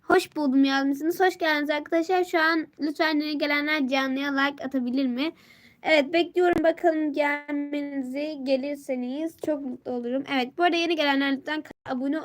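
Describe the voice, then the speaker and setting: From her phone, a teenage girl hosts an easygoing live stream, calling out viewers by name and reading what they write. A sore throat and blocked nose make her high voice tired and stuffy, and a bit of background noise can be heard.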